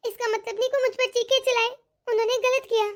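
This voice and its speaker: A woman's voice: very high voice, level tone, fast. A woman voicing a self-pitying young married daughter in a cartoon, whining and complaining. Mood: whiny. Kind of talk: cartoon dialogue.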